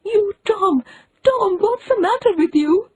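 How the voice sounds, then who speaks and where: A woman's voice: expressive, takes it slowly, warm tone, heavily acted. A woman voicing an elderly aunt, alarmed and then scolding a mischievous boy. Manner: alarmed, raised pitch. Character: frightened old aunt, scolding.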